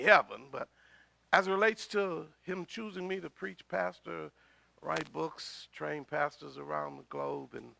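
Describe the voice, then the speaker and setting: A man's voice: fairly high pitch, gravelly, sharp tone. A middle-aged man preaching a sermon as pastor, talking in a conversational way, repeating words and swelling in volume, with a slight cough.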